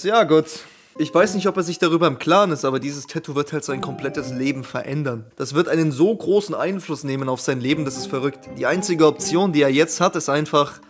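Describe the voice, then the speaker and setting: A young man's high-pitched voice delivers casual video commentary. He is exclamatory and incredulous, joking along in loose slang. Light music plays behind him. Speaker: reaction video host.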